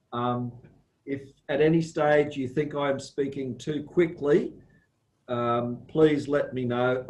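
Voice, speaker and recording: A man with an Australian accent giving a slow, measured guest lecture over a video call, pausing often with ums. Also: mid-range voice, a little mellow, reverberant, low-quality recording. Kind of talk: online academic lecture.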